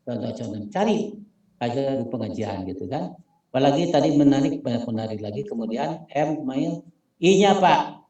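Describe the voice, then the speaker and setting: A man's voice: mid-range voice, lively intonation, normal speed, dark tone, lo-fi sound. A man with a Sundanese accent lecturing a class, repeating key points with emphasis and spelling out acronyms letter by letter. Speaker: instructor. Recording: echoey room.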